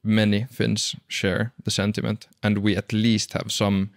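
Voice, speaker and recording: A man speaking as a podcast guest, hesitant with many pauses and uhs. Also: lowish voice, flat delivery, gravelly, no echo, clean studio sound. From Finland. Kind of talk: casual conversation.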